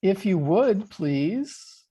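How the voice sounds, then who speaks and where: An American man hosting a casual online English conversation, relaxed and friendly, patiently asking questions over a video call. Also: high voice, drawn-out words, husky. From United States.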